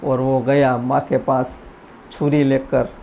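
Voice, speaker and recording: A man from India telling a moral story in a slow, earnest, preachy way, addressing his channel's viewers. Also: mid-range voice, little pitch movement, creaky, dark tone, a little hiss or hum. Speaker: YouTube channel creator. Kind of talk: spoken story and message, then singing.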